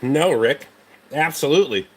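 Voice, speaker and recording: A man's voice: a little high, lively intonation, moderate pace, husky. A man with a Rhode Island accent chatting casually on a livestream as host, blunt, dismissive and heavily profane. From Rhode Island, United States. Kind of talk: casual livestream chat answering viewers.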